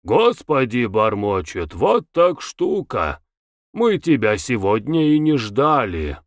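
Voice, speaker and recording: A man voicing a gloomy village deacon who recites his verse in a measured way. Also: mid-range voice, big pitch swings, no room sound, studio quality. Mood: recitative.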